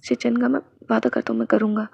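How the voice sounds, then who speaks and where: A woman voicing a calm, possessive young man in a storybook romance, speaking low and quiet. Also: quick pace, vocal fry, breathy edge, no echo, heavily acted.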